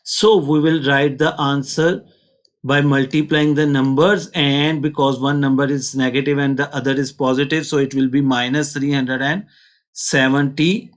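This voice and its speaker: A man's voice: mid-range voice, level tone, moderate pace. A man with a Pakistani accent teaching a maths lesson step by step, in a patient, instructional way.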